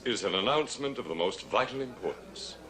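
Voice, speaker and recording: A man's voice: mid-range voice, animated, over loud music, close to an everyday voice. A man playing a grave, authoritative alien from outer space making a formal proclamation in a 1950s film. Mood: solemn, commanding. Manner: grave, formal, measured phrasing.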